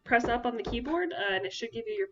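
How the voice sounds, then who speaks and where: Calm woman game master, muffled mic. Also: on the high side, fast talker, soft background music. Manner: calm, guiding, descriptive narration. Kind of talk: running a tabletop game.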